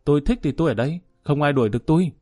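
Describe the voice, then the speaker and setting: A man's voice: on the high side, very fast, mellow, lightly acted. A man voicing a burly young farmer student in a story, blunt and defiant.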